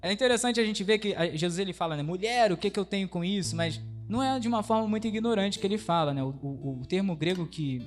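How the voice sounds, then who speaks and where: A man's voice: sits high, fast talker, hardly any pauses. Chatty Brazilian man preaching over guitar. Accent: Brazilian Portuguese. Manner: chatty, asks the congregation questions, many tag questions. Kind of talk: conversational sermon.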